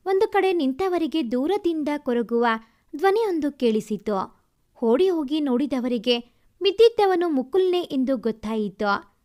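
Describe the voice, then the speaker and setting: A woman narrating a dramatic love story in an expressive storytelling manner. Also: high-pitched.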